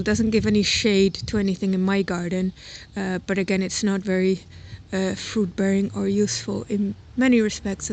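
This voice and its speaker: A woman gives a casual, unscripted walking tour of her own garden plot around her house, thinking aloud hesitantly and informally. Her voice is medium-pitched with a darkish tone. It's a noisy outdoor recording made on a handheld camera or phone as she walks, with ambient sound.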